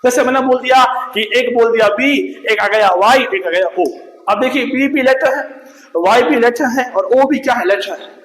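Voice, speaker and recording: A man's voice: very high voice, moderate pace, a bit bright. A man teaching English grammar in Hindi, asking his class questions and answering them himself, repeating the key terms. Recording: echoey room.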